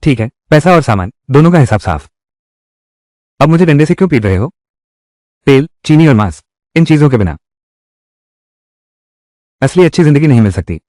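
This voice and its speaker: A man's voice: a little high, sing-song, moderate pace, pauses often, a little mellow, dry recording. A man voicing a devoted young village brother who provides for his family, in dubbed drama dialogue. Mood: matter-of-fact.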